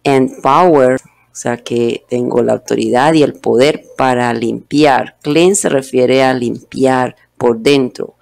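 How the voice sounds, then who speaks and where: Slow gravelly Spanish-speaking English teacher. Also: male voice, medium pitch, steady tone, darkish tone. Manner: slow, explains word by word, repeats pronunciations. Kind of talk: bilingual religious English lesson.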